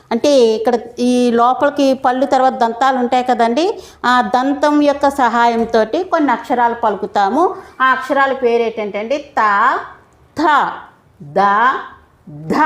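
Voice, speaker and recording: Slow, patient woman teaching letter sounds. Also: a little high. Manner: patient, repeats each point and answers her own questions. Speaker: Telugu teacher. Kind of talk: slow classroom explanation with questions and answers.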